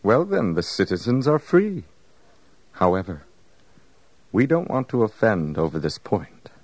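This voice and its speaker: Jesus, a deep-voiced, gentle teacher. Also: male voice, sing-song, a little slow, no room sound. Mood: calm, instructive. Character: Jesus, calm authoritative male teacher and master. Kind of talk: dramatized Bible audio drama.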